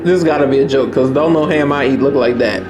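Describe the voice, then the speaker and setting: A man's voice: mid-range voice, fast, background noise. A man with a New Orleans accent giving casual, blunt reaction commentary in colloquial, disbelieving exclamations. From New Orleans, United States. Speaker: reaction video host. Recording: music playing behind the voice.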